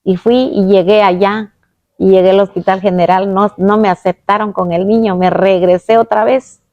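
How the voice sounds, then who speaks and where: A woman telling a personal faith testimony, earnest and halting, with many restarts. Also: medium pitch, steady tone, a little mellow, no room sound, dull audio. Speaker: guest giving a testimony.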